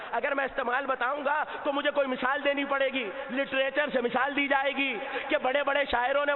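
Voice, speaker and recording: A man giving an impassioned sermon to a seated gathering, asking the listeners questions and at times shouting. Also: very high voice. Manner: impassioned, rising to shouts at key points; asks the audience questions and answers himself. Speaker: Shia cleric giving a majlis sermon. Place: mosque or hall before a seated gathering. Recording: long reverb, tinny phone-like sound.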